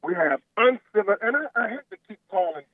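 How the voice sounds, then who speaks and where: A man's voice: sits high, very animated, a little fast, dry recording. A man calling in on a speakerphone over a phone line, insistent in a heated debate and repeating himself to keep talking. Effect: speakerphone call over a phone line. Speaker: caller. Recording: tinny, dry phone line.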